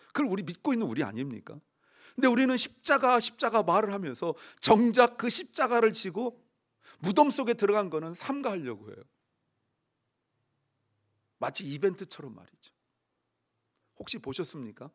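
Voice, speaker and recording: A middle-aged man preaching a Sunday sermon as pastor, telling stories lively and acting out the voices of the people he quotes. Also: high-pitched.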